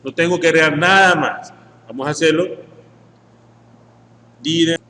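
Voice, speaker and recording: Ecuadorian guy teaching english grammar, kinda high voice, keeps saying "¿sí?", echoey room with a little hiss. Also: measured pace, bright, forceful tone. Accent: Ecuadorian Spanish. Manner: explains step by step, tags sentences with "¿sí?". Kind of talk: screen-share grammar lesson. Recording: echoey room with faint background noise.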